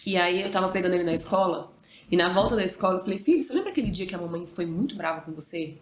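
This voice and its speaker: A woman's voice: fairly low pitch, very fast. A woman in her thirties, a mother, talking reflectively in a casual chat. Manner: reflective, animated when quoting others. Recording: echoey room.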